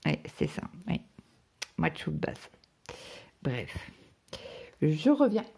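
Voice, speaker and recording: Middle-aged woman, craft vlogger, casual rambling chat with lots of "euh", low voice with a husky edge. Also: wildly swooping pitch, takes it slowly, mellow. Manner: rambling storytelling full of "euh" fillers.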